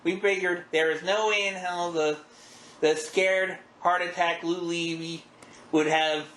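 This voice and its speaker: A middle-aged man with a forceful, somewhat high voice hosts a casual podcast. He tells stories in a folksy, wry manner. The room is echoey, with some noise behind him. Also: fairly even intonation, measured pace. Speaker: podcast host. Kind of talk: casual chat, reminiscing about wrestling. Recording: roomy echo with background noise.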